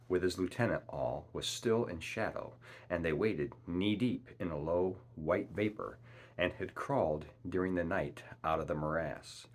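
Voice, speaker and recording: Deep-voiced man reading aloud. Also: breathy edge. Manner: measured, calm storytelling. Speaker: audiobook reader. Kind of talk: reading a classic novel aloud.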